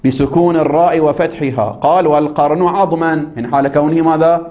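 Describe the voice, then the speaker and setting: Speaking briskly in a slightly high voice with fairly even intonation, a man gives a seminary lecture on religious law. He reads the text out, explains it, and keeps quizzing and checking on his listeners; the recording is dull and lo-fi.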